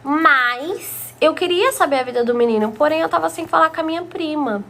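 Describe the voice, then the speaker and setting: A woman's voice: high voice, normal speed, fairly bright tone. Chatty young Brazilian woman telling gossip. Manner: chatty, gossipy, addresses viewers often. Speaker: storyteller. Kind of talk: casual storytime narration.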